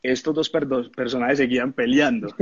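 Husky man telling stories. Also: medium pitch, moderate pace, no room sound, highs cut off. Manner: animated anecdotes, acts out voices, laughs often. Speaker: former footballer interviewed. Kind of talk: casual interview storytelling.

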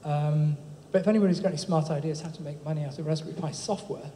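A man's voice: on the high side, fairly even intonation, fast, dark tone. A man giving an informal, chatty tech talk at a live event, with frequent ums and tag questions. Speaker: speaker presenting a project. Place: large echoey hall. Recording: echoey hall, faint room noise.

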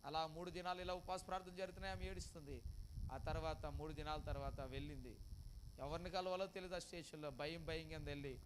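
A man preaching an emotional storytelling sermon. He repeats phrases, asks the congregation questions, and swings from loud cries to hushed lines. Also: on the high side, flat delivery, fast, background noise.

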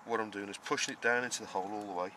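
A man with a lowish voice and fairly even intonation races through an on-camera tour of his vegetable allotment. As the gardener hosting the show, he explains his planting step by step, rambling and full of fillers and restarts. His noisy outdoor camera audio captures rural ambience.

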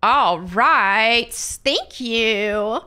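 A woman's voice: fairly high pitch, lively intonation, drawn-out words, pushed and bright, clean tone. A young woman streaming, chatting casually and laughing often as she reads viewer messages aloud. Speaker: streamer reading chat. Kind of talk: casual live-stream chat.

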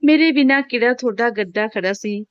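A woman's voice: fairly high pitch, brisk, clean tone, no echo, close to an everyday voice. Storybook young widow, plaintive and despairing; woman voicing, dry muffled sound. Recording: dull, dry home recording.

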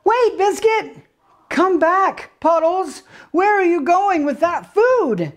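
A man voicing a cheerful little girl in a storybook, with a bright sing-song way of talking. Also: extremely high pitch, sing-song, takes it slowly, pitched above the performer's own voice, exaggerated voice. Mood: calling.

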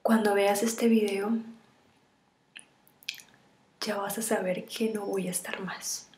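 An actress in her thirties playing a sorrowful woman in a dramatic farewell monologue to her lover, tearful and halting, often breaking into whispers. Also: mid-range voice, flat delivery, darkish tone, lightly acted. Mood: tender sorrow. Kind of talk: dramatic monologue, acted farewell video message. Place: small bare indoor room. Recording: roomy echo of a bare room.

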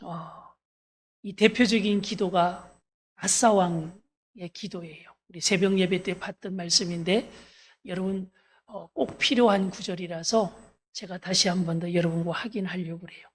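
Woman pastor, church sermon, husky breathy voice, earnest, speaks straight to the congregation. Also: on the low side, fairly even intonation, a little slow. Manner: earnest, addresses the congregation directly; leads the congregation in reading scripture aloud. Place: church service.

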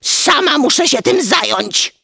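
A woman voicing a shrill scolding witch wife. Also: big pitch swings, measured pace, vocal fry, bright, forceful tone, no echo, clean studio sound, exaggerated voice. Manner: shrieking, berating.

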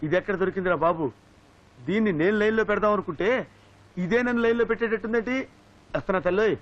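An actor playing a comic, cheeky household servant who teases, hums sing-song tunes and wails in exaggerated panic. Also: male voice, sits high, fast talker, muffled recording, natural voice. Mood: teasing. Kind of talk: TV serial comedy acting.

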